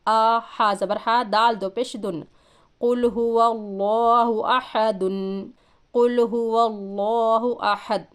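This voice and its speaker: A woman teaching Quran reading, spelling out letters and vowel marks one by one, then chanting the joined words slowly, with patient explanations in between. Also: medium pitch. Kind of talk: slow syllable-by-syllable recitation lesson.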